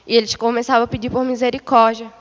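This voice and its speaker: A woman's voice: on the high side, flat delivery, fast, in a large hall, muffled recording. A woman giving a religious testimony of a vision, retelling it in a repetitive way and calling her listeners beloved. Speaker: church member giving testimony.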